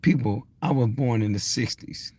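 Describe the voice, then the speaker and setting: Husky and darkish, this medium-pitched voice belongs to a social media motivational speaker around sixty. He moves at a moderate pace through an unscripted, blunt rant, insisting on his points by repeating them.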